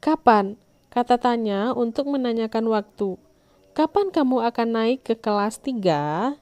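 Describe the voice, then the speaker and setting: A woman teacher, giving a scripted lesson to young children in a clear, instructive way. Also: on the high side, expressive, a little slow, darkish tone, no room sound.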